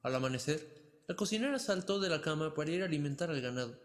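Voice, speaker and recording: A man reading a fairy tale aloud in an even, expressive storyteller manner. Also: a little high, quick pace. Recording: long hall reverb.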